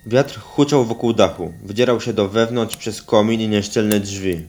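A man narrating a scripted story in an even, measured reading. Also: lowish voice. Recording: music underneath.

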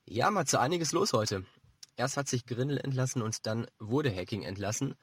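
A man with a mid-pitched voice gives measured football analysis in a very dry recording. He explains his points as a pundit would, feeling his way through phrases and repeating words. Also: expressive, husky, no echo.

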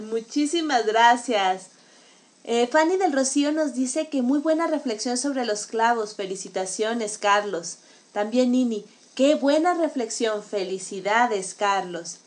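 Upbeat female host, fairly high voice. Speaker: host of a children's storytelling program. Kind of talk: live program hosting, reading out viewer messages.

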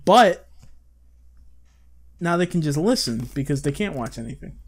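A young man co-hosting a podcast in casual, excitable chat, swearing freely. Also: on the high side, moderate pace. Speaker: podcast co-host.

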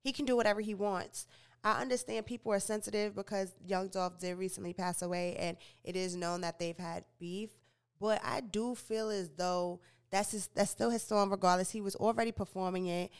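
A woman's voice: mid-range voice, steady tone, normal speed, clean tone. A young woman hosting a podcast and radio show, giving casual, opinionated entertainment news commentary and often correcting herself. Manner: chatty, opinionated, frequent self-corrections and stumbles.

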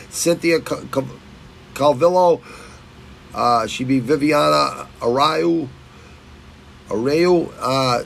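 Over slight background noise in a rough recording, a middle-aged man with a mid-range voice and vocal fry gives his fight betting picks. He's from Massachusetts and runs a picks channel, and he rambles, curses, and stumbles over names.

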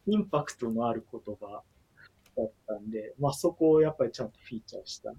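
A man's voice: mid-range voice, expressive, fast talker, creaky, crowd noise. A man who is a book author guest, speaking politely and hesitantly on a livestream with many fillers. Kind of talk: casual livestream chat.

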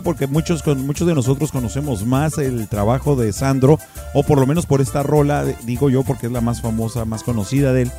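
A man's voice: mid-range voice, mellow. A man with a Mexican accent hosting a radio show in a casual, slangy, jokey way. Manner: slangy, jokey, often laughing. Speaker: radio host.

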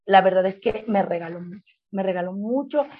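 A woman's voice: mid-range voice, fairly quick. A middle-aged woman telling her story as a mother, earnest and emotional, looping back with many fillers. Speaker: mother sharing her testimony. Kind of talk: heartfelt personal storytelling. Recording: dull lo-fi sound.

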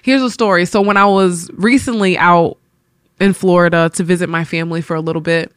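A woman hosting a podcast, telling a personal faith story in an animated, laughing way and acting out the people she quotes. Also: lowish voice, fairly quick, clear, resonant tone, dry recording, studio quality. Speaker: podcast host.

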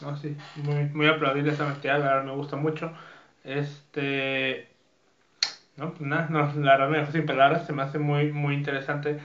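A man's voice: a little high, flat delivery, normal speed, a bit bright. A man hosting a podcast interview, hesitant and agreeable, with many fillers. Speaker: podcast host. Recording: echoey, dull lo-fi room.

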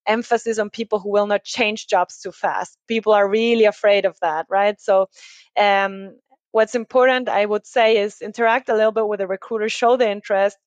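A woman's voice: mid-range voice, steady tone, moderate pace, no room sound. A woman from Ecuador, a recruiting agency founder talking as a guest in a conversational podcast interview, explaining things with many tag questions and fillers.

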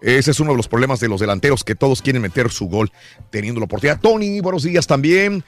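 A man's voice: mid-range voice, expressive, fast. A man hosting a casual sports radio show, chatting and greeting listeners.

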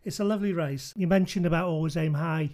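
A chatty man hosts a relaxed podcast conversation, his voice sitting fairly high for a man. His tone is mellow and soft-edged, and he keeps tossing tag questions back to his guest. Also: fast. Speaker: podcast host. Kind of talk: casual podcast chat.

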